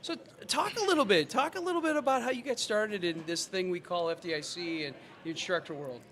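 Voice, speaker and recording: A man hosting a fire service podcast, talking with many pauses and restarts. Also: high-pitched, a bit bright. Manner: halting, many fillers and restarts. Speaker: podcast host. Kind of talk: casual podcast chat.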